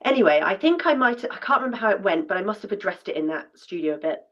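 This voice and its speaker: A woman's voice: medium pitch, expressive, fast, fairly bright tone. A woman, a former dancer telling a personal story in a chatty way, full of fillers and restarts. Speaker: former dancer sharing her story at an event. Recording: dull lo-fi sound.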